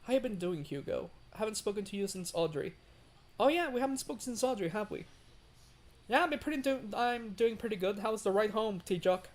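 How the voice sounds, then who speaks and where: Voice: medium pitch, lively intonation, a little fast. A livestreamer chatting casually while building a railway in a game, rambling with many fillers and greeting chat. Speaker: livestream host.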